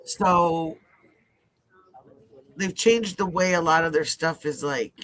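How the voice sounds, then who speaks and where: This man's voice sits a little high and fairly bright, moving slowly over poor-quality audio. On a live true-crime stream he chats loosely in an accent mixing Ohio and Southern Midwestern traits, rambling with plenty of fillers, self-restarts and quick laughs.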